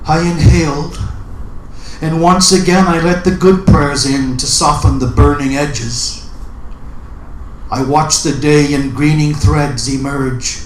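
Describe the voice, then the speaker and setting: A man at an open mic, introducing and reciting his poetry with measured, deliberate phrasing. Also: a little high, flat delivery. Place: indoor open mic event room. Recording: roomy live recording with background noise.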